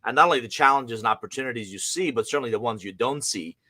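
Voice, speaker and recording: A middle-aged man hosting a live podcast interview, asking questions in an energetic, conversational way. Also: medium pitch, quick pace, dry recording. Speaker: podcast host.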